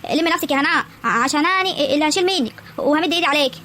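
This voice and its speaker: A woman's voice: high-pitched, racing, pushed and bright, a little hiss or hum. A woman voicing a stern old village grandmother in a cartoon, firmly scolding and praying. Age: older. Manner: scolding, firm.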